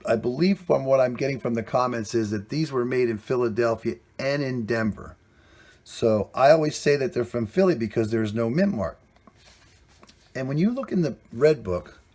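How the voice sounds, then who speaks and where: A man with a mid-pitched voice hosts a coin hunting vlog from indoors at home. He talks casually and plainly, cheerful as he walks through what he found. The sound is a simple camera mic recording. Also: a little mellow. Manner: chatty, plainspoken, upbeat about finds. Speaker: coin roll hunting channel host.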